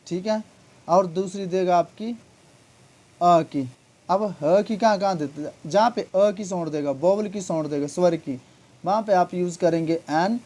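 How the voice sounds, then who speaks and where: A man teaches a grammar lesson in a mellow, relaxed voice. He explains each point patiently, repeats himself and keeps checking that his listeners are following along. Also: sits high. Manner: patient, repetitive, keeps asking "okay?".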